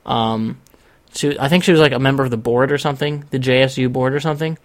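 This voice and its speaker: A man's voice: mid-range voice, steady tone, fast talker. Rambling young man telling a story. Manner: rambling, self-interrupting storyteller. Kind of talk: casual chat.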